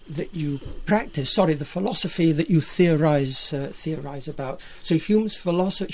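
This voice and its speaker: A man with a Scottish accent, speaking as a guest on an academic discussion panel. He talks in a measured, thoughtful way and pauses on fillers as he builds his points. His voice sits a little high for a man. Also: gravelly, darkish tone. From Scotland.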